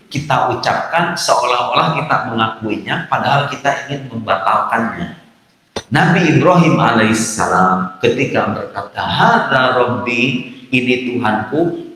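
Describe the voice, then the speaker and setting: A man's voice: medium pitch, fairly bright tone. A male Islamic preacher giving a conversational sermon to a congregation. He acts out quoted dialogue as he tells stories and speaks directly to his listeners. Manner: conversational, addresses the audience directly. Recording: echoey hall with long reverb.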